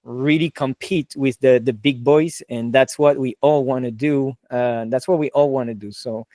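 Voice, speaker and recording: A man's voice: mid-range voice, steady tone, normal speed, dark tone, no room sound, clean studio sound. A man with a French accent hosting a podcast interview, chatty and enthusiastic, full of "like" and "you know". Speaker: podcast host. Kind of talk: casual interview chat.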